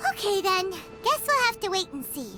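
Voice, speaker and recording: A tiny, naive fairy companion from an anime game, with an extremely high, squeaky childlike voice. Her delivery is excitable and bubbly, swinging widely in pitch. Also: normal speed, faint music behind, heavily acted. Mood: accepting. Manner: excitable, refers to self by name.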